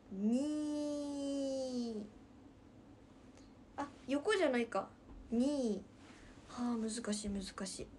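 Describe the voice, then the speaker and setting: A slightly high-voiced woman in her twenties from Nagasaki, with a Nagasaki accent, playfully chats and giggles with viewers on a livestream from her home room. A faint hiss or hum sits under the audio.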